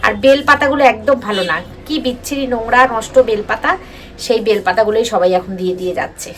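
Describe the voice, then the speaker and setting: A woman's voice: on the high side, fairly even intonation, fast, fairly bright tone. A young woman, vlogging to her viewers in a casual, talkative way, with plenty of fillers. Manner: talkative, addresses viewers directly, many fillers. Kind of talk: casual chatty vlog to viewers.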